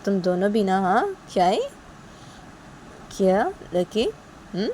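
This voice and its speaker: A woman's voice: medium pitch, sing-song, slow, darkish tone, slight background noise. A woman voicing a middle-aged mother who keeps questioning, tacking on nagging tag questions. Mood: probing.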